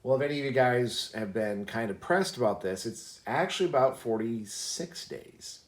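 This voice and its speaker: A man's voice: mid-range voice, animated, moderate pace, reverberant. A man hosting a casual vlog, telling a personal story in a rambling way with many fillers and restarts. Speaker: channel host.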